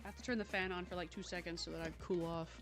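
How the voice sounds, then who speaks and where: A woman's voice: lowish voice, fairly even intonation, rapid-fire, music in the background. A young woman hosting a livestream, chatting casually and playfully with her viewers and laughing often. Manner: playful, giggly, chatting to viewers while eating. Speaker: livestream host.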